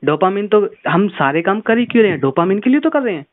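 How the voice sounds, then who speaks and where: A man's voice: high-pitched, sing-song, quick pace. A man giving earnest, preachy motivational advice on a phone call, repeating words for emphasis. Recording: tinny phone line.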